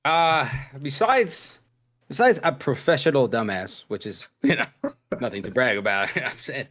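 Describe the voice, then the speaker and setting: A young adult man from Mexico joins a podcast as a guest over a video call, chatting casually in a laid-back, rambling way full of fillers and restarts. His mid-range voice is animated and a bit bright, at a moderate pace.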